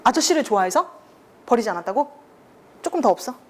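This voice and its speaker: A woman's voice: fairly high pitch, big pitch swings, fast talker, a little hiss or hum. A woman teaching a youth reading club, explaining a story scene by scene, acting out the characters' lines and asking the students questions. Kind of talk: lecture with acted quotes.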